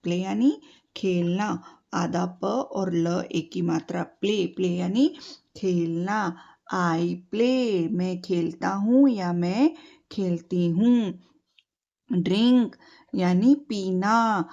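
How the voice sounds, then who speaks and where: Her voice low-ish, creaky and dark, a patient woman tutor speaks Hindi while teaching children English verbs. She goes slowly, repeating, spelling letters out and quizzing them, in a dull lo-fi home recording.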